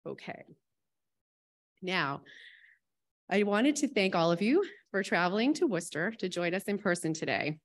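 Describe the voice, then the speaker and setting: A woman's voice: fairly low pitch, animated, moderate pace, pauses often. A woman from Massachusetts giving a conference welcome speech with announcements, chatty and joking, laughing between lines into a podium mic in a conference room.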